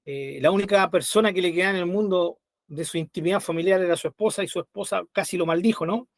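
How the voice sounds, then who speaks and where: A man with a high-pitched voice leads a Bible study at a quick pace, keeping it conversational and checking in with listeners through frequent tag questions. The recording is studio quality with no echo.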